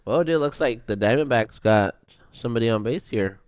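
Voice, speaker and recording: A man co-hosting a casual sports show, jokey and quick to react, laughing often as cards are pulled. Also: mid-range voice, clear, resonant tone. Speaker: co-host. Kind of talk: casual sports chat while opening card packs.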